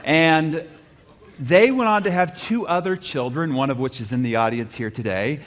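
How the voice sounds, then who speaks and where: Animated male motivational speaker on stage. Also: on the high side. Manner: animated storytelling, punchy and self-deprecating humor. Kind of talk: live seminar talk. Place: stage before a live audience.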